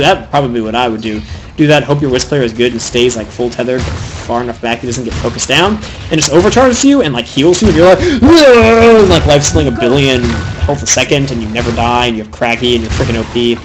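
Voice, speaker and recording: A young man giving fast, opinionated solo commentary on a video game match, critiquing the players' item choices. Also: mid-range voice, a little hiss or hum, low-quality recording. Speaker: game caster.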